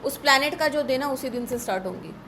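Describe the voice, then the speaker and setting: A woman teaching an astrology class in a live online session, brisk and a little scolding as she runs through lists. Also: sits high, lively intonation, fairly bright tone, slight background noise, poor audio.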